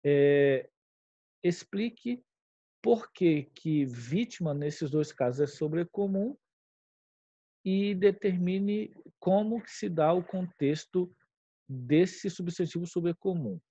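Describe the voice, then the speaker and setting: A man's voice: high voice, animated, takes it slowly, warm tone, husky, dry recording. A man with a Brazilian Portuguese accent, a teacher walking through a grammar exercise and checking in with his class as he goes. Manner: explanatory, checks in with "tá?" and "tudo bem?". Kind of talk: grammar lesson walkthrough. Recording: dull lo-fi recording.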